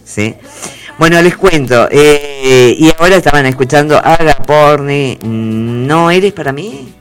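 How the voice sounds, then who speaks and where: This man's fairly high voice is smooth and animated, with faint music behind him. Hosting a chatty news segment on a radio talk show, he tells stories in a playful, drawn-out way packed with asides.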